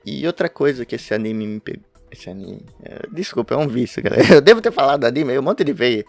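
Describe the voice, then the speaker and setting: At home in front of his webcam, a man who hosts a manga review podcast chats casually about a favorite manga, rambling, interrupting himself and laughing often. His mid-range voice is animated, fast and creaky, with no echo and faint music in the background.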